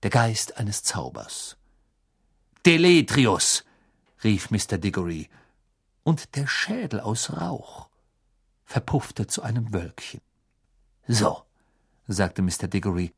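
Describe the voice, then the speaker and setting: Male audiobook narrator, lively intonation, expressive. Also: fairly low pitch, gravelly, husky. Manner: expressive storytelling.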